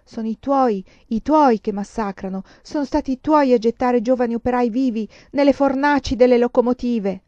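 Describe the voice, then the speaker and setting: A woman voicing an exhausted, bitter young female revolutionary, hoarse with fatigue and accusing, on a dull lo-fi recording. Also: fairly high pitch, unhurried, dark tone, no echo.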